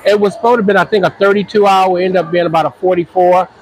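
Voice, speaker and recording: A man in his sixties from the United States, answering interview questions in a halting, earnest way with many restarts. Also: high-pitched, steady tone, poor audio. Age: 60s. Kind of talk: casual interview.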